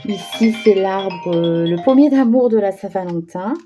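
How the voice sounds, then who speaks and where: Chatty French-speaking woman, mellow voice. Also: mid-range voice, a little slow, soft background music. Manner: chatty, hesitant, many fillers and restarts. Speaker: crafting vlogger. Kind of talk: casual craft demonstration.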